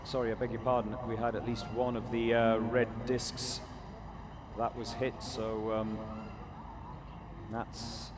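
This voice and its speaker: A man's voice: mid-range voice, little pitch movement, slow pace, long pauses. Chatty male event commentator over crowd noise. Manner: chatty, self-correcting, addresses online viewers. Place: outdoor competition venue.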